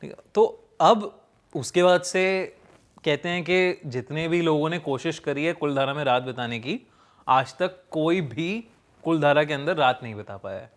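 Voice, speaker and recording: A man casually telling a ghost story, pausing with fillers as he builds suspense. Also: fairly high pitch. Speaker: storyteller guest.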